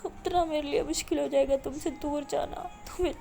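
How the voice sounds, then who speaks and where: Brief: heartbroken young woman, guarded and weary, firm but soft, voiced by a woman storyteller, high with some grit. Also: fairly even intonation, creaky, slight background noise. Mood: sad insisting. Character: young woman, guarded, sad, insisting on leaving her lover.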